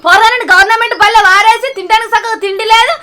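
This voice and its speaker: A woman's voice: very high-pitched, racing, a loud crowd. An actress with a Telangana accent playing a fed-up village wife who scolds her drunk husband. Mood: scolding. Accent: Telangana Telugu. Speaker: actor in a village comedy drama.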